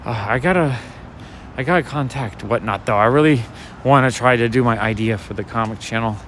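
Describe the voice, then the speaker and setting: Walking a city street at night, a man livestreams and vlogs from a handheld phone, talking softly and casually to viewers in rambling, chatty commentary. His voice is raspy, mid-range, and brisk. Passing traffic, street noise, and city ambience with vehicles come through behind him.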